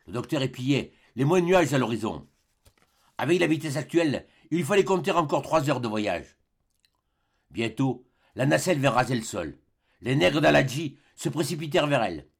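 A man reading a classic adventure novel aloud in a measured, dramatic storytelling manner. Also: mid-range voice, big pitch swings, creaky, slightly rough. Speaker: audiobook narrator.

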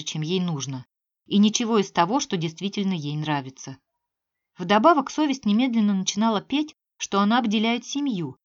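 Lady reading an audiobook, steady expressive storytelling, kinda muffled lo-fi sound. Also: medium pitch. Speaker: audiobook narrator. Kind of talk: audiobook narration. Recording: slightly dull lo-fi sound.

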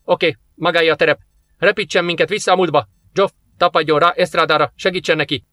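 A man voicing a gruff, impatient male Russian officer who barks orders and mocks. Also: on the high side, fairly even intonation, sharp tone, no room sound, voice pushed up. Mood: irritated. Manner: barking, impatient, sarcastic.

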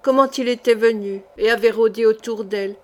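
A woman reading a historical novel aloud in an expressive, dramatic narrating voice. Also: fairly high pitch, fairly quick. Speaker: audiobook narrator.

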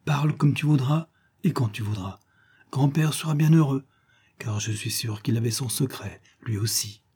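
A man reading the lines of a proud, tender young woman in an audiobook, in a soft, restrained manner. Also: mid-range voice, moderate pace, slightly rough.

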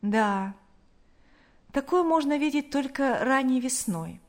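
A woman narrating a novel as an audiobook reader, slow and deliberate. Her fairly high voice moves through wide, lively swings of pitch as she tells the story. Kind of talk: scripted narration.

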